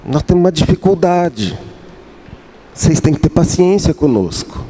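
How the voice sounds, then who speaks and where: A man's voice: on the high side, animated, dark tone, breathy edge. A middle-aged man preaching a sermon as pastor, repeating key phrases and acting out little dialogues. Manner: slow, repeats key phrases, acts out dialogue with his wife.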